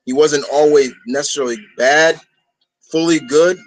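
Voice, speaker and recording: Hosting a laid-back fan discussion, a New Yorker rambles on with enthusiasm. His voice is a little high, his intonation fairly even, and he talks at a normal speed over a rough recording.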